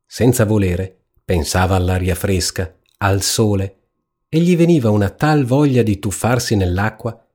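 Male fairy-tale narrator, low husky voice, calm and measured. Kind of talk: storybook reading.

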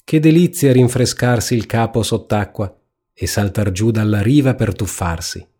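A man's voice: lowish voice, moderate pace, mellow, husky. A man reading a storybook aloud, voicing a young duckling who speaks in a wistful, pleading way. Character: young duckling longing to swim.

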